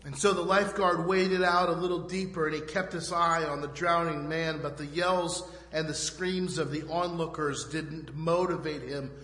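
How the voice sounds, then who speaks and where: A man preaching a sermon in short phrases, pausing so an interpreter can translate. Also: a little high, fairly even intonation, pushed and bright. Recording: echoey hall with long reverb.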